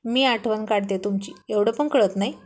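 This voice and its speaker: A woman's voice: mid-range voice, moderate pace, darkish tone, lightly acted. Storybook role: affectionate, pouting young wife, read by a woman, coaxing tone. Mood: pleading. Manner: pleading and coaxing.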